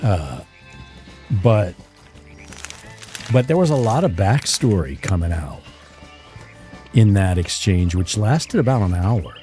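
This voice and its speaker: A man's voice: low-pitched, sing-song, slow pace, pauses often, dark tone, soft background music. A man streaming a western role-play game, chatting casually and rambling through stories with chuckles. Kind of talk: casual in-character chat while streaming.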